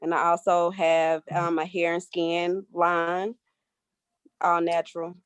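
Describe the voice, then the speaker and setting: A woman's voice: fairly low pitch, little pitch movement, takes it slowly, clear, resonant tone, no echo. A woman cosmetology student greets the class over a video call. She introduces herself in an upbeat way, and her voice comes through dry and close.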